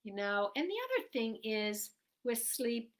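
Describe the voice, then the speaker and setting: A woman speaking in a calm, gentle, soothing manner as a meditation teacher, giving an unscripted relaxation talk. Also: on the high side, a little slow. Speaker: meditation teacher and host of a livestream.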